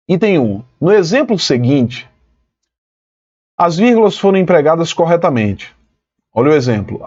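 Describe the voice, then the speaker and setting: Lively teacher man, dull lo-fi sound. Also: a little high. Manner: lively, explanatory, addresses students as "pessoal". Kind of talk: online exam-prep lesson.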